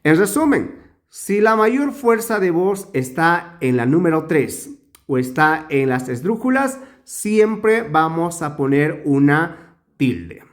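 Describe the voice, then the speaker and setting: A male teacher giving a grammar lesson, slow and emphatic, drawing out words to show where the stress falls. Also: on the high side, very animated.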